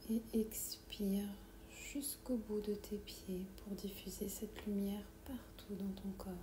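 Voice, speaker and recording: In a soft, breathy whisper, a woman guides a meditation, giving slow, soothing, calming instructions as though right at the listener's ear in an ASMR-like style. The recording has a roomy echo and a low rumble in the background.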